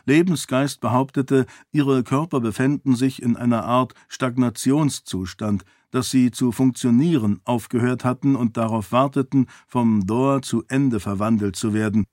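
A man narrating a fantasy novel in calm, even audiobook style. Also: medium pitch, normal speed, hardly any pauses, dry recording, studio quality. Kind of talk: scripted narration.

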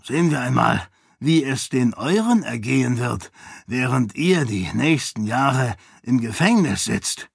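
A man's voice: mid-range voice, lively intonation, unhurried, gravelly, breathy edge, no room sound, studio quality, exaggerated voice. A man voicing a fat, arrogant, impulsive count in an audiobook, speaking in a mocking, gloating way.

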